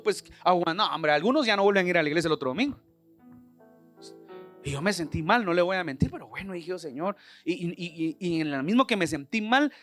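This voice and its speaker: Middle-aged Guatemalan Spanish pastor with a high voice, preaching through a personal story, soft music underneath. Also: male voice. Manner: conversational storytelling preacher, addresses listeners directly. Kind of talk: sermon.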